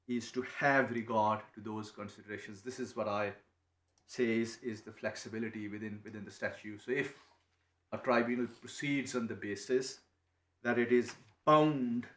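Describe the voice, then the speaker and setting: A man making a legal submission to appeal judges, halting and restarting often as he speaks. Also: lowish voice, fairly bright tone. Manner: halting, many restarts and repeated words. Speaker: barrister. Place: courtroom. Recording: echoey courtroom, faint noise.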